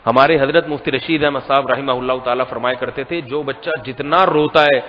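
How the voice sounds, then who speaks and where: A man giving a conversational Islamic sermon, telling humorous stories and acting out quoted voices, his voice hoarse. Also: medium pitch, fairly even intonation. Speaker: Islamic scholar. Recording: reverberant hall, dull lo-fi sound.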